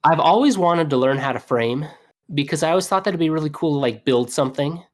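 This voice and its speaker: A young man, a plumber guest, telling stories in a casual, animated way with lots of fillers. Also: on the high side, brisk. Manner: animated, laughing storyteller with fillers. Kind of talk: casual storytelling.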